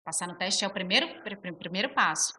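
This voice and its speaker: A woman's voice: on the low side, lively intonation, fast, bright, forceful tone, a little hiss or hum. A woman with a Brazilian Portuguese accent, a musical theatre actress telling her story expressively in an interview.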